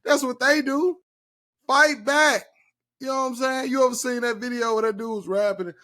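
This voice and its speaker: A man's voice: extremely high pitch, steady tone, fast, a bit bright. A man co-hosting a podcast, brash and joking, delivering emphatic punchlines in casual chat. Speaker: podcast co-host.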